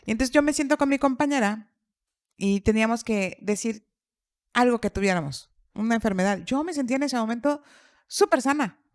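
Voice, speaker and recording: A middle-aged woman on a podcast tells a personal story casually, her fairly high voice moving a little fast. She repeats phrases for emphasis and acts out quoted dialogue, with clean studio sound and no echo.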